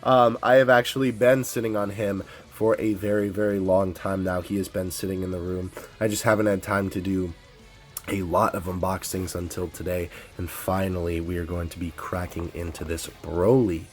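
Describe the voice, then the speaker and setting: A man hosting a casual toy unboxing, excitable and laughing often, stumbling over his words. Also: low voice, normal speed, faint music behind.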